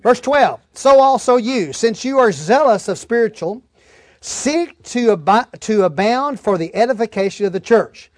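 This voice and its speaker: Here a man with a high voice and lively intonation moves at a moderate pace through a Bible-teaching sermon, taking it verse by verse. The recording is dry, and his delivery is emphatic, folksy, and plain-spoken.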